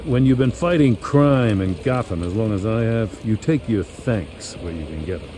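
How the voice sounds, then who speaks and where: A man acting a middle-aged American police lieutenant in a video game, weary, gruff and sincere. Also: on the low side, animated, moderate pace, noisy background, natural voice. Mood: grudging gratitude. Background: dramatic music.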